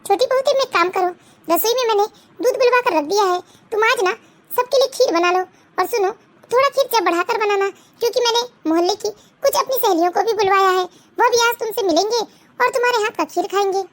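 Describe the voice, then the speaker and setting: In Hindi cartoon voice acting, a woman uses an extremely high, slightly quick voice to play a kindly yet bossy middle-aged mother-in-law. The tone is fond throughout, with that affection mixed with bossiness.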